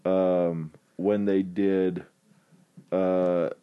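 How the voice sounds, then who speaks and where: A man in casual chat, retelling scenes with animated quoting and frequent laughter. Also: low-pitched, extremely slow, clear, resonant tone, phone-quality sound.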